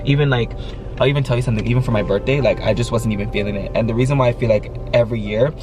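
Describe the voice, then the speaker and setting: A man's voice: mid-range voice, fairly even intonation, very fast, poor audio. A young adult man vlogging in a candid casual chat, earnest, reassuring and slangy. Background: music.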